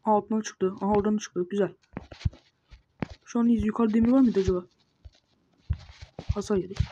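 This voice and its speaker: A woman gamer gives casual commentary as she plays, muttering to herself and scolding the monsters. Her mid-range voice is warm, fairly even in intonation, and a little quick. The dull lo-fi mic adds noise.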